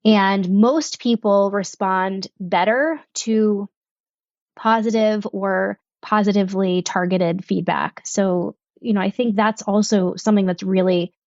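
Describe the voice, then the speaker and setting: A woman's voice: medium pitch, fairly even intonation, measured pace, a little mellow, no room sound, highs cut off. Enthusiastic woman doctor on a podcast. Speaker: physician, guest. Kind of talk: podcast interview.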